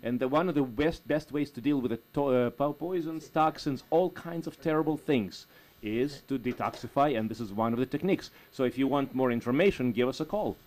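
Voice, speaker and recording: A man co-hosting a call-in talk radio show, speaking in a halting, folksy way with many restarts. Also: medium pitch, a little mellow. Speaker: radio co-host.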